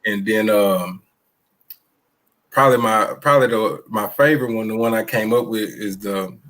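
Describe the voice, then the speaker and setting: Loud country-twanged texas coach. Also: male voice, lowish voice, normal speed. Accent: East Texas. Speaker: basketball coach. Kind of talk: casual live interview.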